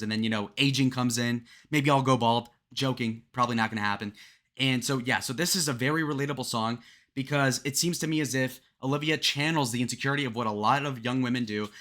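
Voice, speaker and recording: Bluntly and with plenty of fillers, a twenty-something music commentator rambles through a casual breakdown of a song, his voice medium in pitch and slightly bright.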